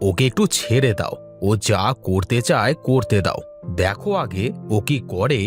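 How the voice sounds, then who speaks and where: A man voicing an easygoing village farmer father in a cartoon, calm and indulgent toward his son. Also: on the low side, normal speed, music in the background, close to an everyday voice. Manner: soothing, indulgent, good-humoured. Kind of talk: cartoon voice acting.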